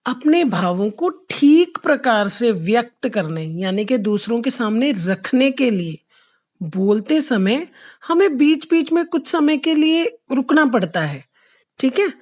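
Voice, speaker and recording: A woman gives a classroom lesson to children in an unhurried, fairly high voice. She pauses often to check that her pupils follow. When she reads out examples, she slows down even more and stresses each phrase. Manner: patient, repeats "ठीक है?" checks; slows right down to read example sentences. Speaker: Hindi teacher. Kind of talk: slow classroom explanation to children.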